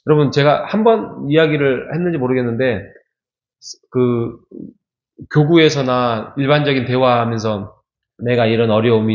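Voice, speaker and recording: A man pastor giving a conversational Bible sermon, now and then acting out the voices of people he quotes. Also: mid-range voice. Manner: conversational, acts out quoted complaints. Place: church sanctuary. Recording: roomy, slightly dull church recording.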